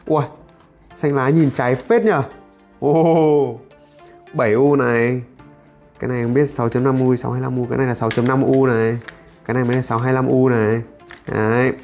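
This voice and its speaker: A man, chatting casually and jokingly while unboxing tech gear as a channel host. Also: mid-range voice. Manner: chatty, jokey, talks while handling items.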